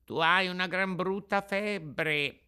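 A kindly little female marmot, as a man puts her on in a storybook reading, gentle and solicitous, sighing as she consoles. The voice sits well above a man's usual pitch, with a bright, clear tone. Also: takes it slowly, exaggerated voice. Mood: concerned.

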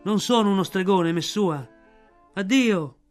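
A man's voice: high-pitched, a little slow, faint music behind, pitched above the performer's own voice. A man voicing a proud, defiant jungle youth.

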